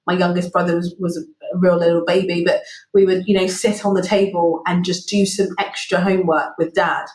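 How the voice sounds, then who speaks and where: Low-pitched London woman, roomy sound. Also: flat delivery, moderate pace, darkish tone. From England (London). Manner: thoughtful, with fillers and light laughs. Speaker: guest, business partner. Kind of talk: remote interview conversation. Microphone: remote call recording.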